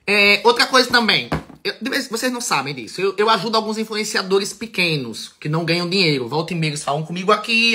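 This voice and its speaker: A man's voice: sits high, sharp tone. A man from Brazil, venting to camera in a theatrical, emphatic monologue and swearing freely. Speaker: vlogger.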